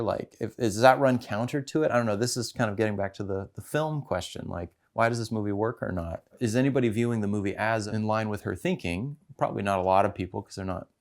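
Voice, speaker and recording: A man co-hosting a podcast, thinking aloud hesitantly with frequent restarts. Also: lowish voice. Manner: hesitant, musing, many restarts. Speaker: podcast co-host. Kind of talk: casual film discussion.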